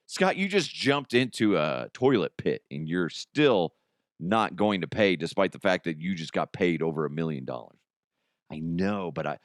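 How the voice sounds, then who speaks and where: A podcast host with a low-pitched, fairly bright voice riffs crudely and jokingly, laughing at his own lines. It's a casual comedic monologue, recorded dry with clean studio sound.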